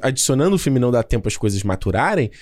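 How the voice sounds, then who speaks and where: A man chatting casually about films, animated and loose, swearing freely and restarting his sentences. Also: medium pitch, very fast. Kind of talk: casual film discussion.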